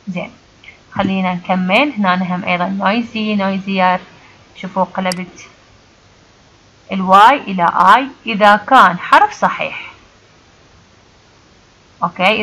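Woman, Iraqi Arabic accent, English teacher, explains step by step, slow English examples, mid-pitched voice. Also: fairly bright tone, rough recording. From Iraq. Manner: explains step by step, reads English examples slowly, then translates them. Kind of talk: classroom grammar explanation.

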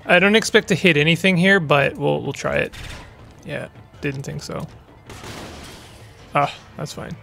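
A man's voice: on the high side, unhurried, gravelly, pauses often, pushed and bright, faint music behind. A man hosting a gaming channel, giving rambling, chatty let's play commentary with stumbling restarts.

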